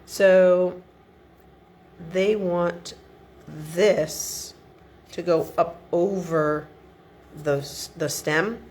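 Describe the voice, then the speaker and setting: A middle-aged woman, sniffly from a cold, gives a chatty step-by-step card-making tutorial at her home craft desk, picked up by an overhead camera above the desk. Her voice is lowish and a little mellow, and she talks extremely slowly, pausing often.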